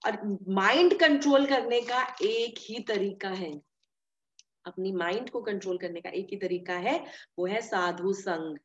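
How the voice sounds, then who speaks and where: A woman's voice: medium pitch, a little slow, slight background noise. A woman giving a devotional scripture talk, explaining with everyday examples, repeating key phrases and mixing English words into her speech. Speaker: scripture teacher. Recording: echoey room, dull lo-fi sound.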